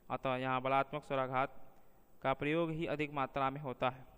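A man reading a linguistics lesson aloud in a measured way, slowing down to spell out example words. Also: medium pitch, fairly bright tone, clear, resonant tone, in a large hall. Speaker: teacher.

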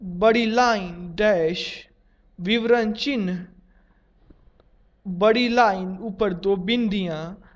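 A man reading a grammar lesson aloud in a measured, formal, dictation-like way. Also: sits high. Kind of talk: slow read-aloud textbook lesson. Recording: dull lo-fi sound.

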